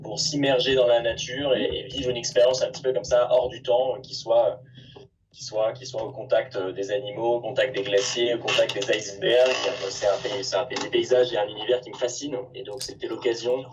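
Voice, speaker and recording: Man, crew member, halting casual talk; distant dull call sound. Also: medium pitch, level tone, crowd noise. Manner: hesitant, repeats words.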